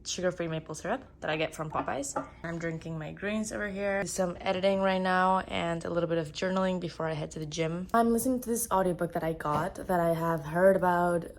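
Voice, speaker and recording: A woman's voice: low-pitched, creaky. A young woman chatting casually to camera in a vlog, upbeat and full of "like" fillers. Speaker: fitness vlogger. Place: home, then gym.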